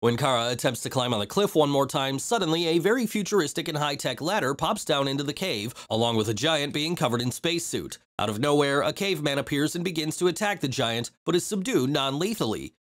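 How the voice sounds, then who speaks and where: A man narrating a movie recap in a steady, even scripted read. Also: on the high side, a little fast, few pauses.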